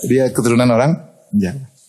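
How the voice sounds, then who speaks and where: A middle-aged man giving a lively sermon, joking and laughing often. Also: medium pitch, brisk, slightly rough. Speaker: Islamic preacher.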